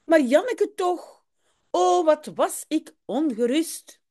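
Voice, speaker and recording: A woman voicing a relieved, gently scolding mother in a storybook reading. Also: high voice, lively intonation, slow, voice pushed up.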